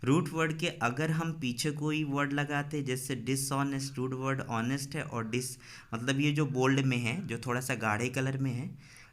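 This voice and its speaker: Male Indian teacher, mid-pitched, explains grammar in mixed Hindi and English, slow repetitions, addresses students as children. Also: a bit bright. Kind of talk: explaining a textbook lesson.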